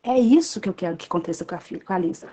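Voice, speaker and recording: A woman's voice: fairly low pitch, rapid-fire, mellow. A woman in her thirties with a Brazilian Portuguese accent giving an earnest, repetitive devotional testimony and addressing listeners as brothers. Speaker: church member giving testimony.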